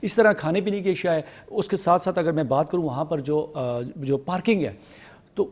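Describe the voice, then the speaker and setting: A man's voice: on the high side, a little mellow. A man speaking as a guest on a TV talk show, earnest and repeatedly cutting in to make his point. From Pakistan. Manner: earnest, interjecting, repeats himself. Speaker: studio guest.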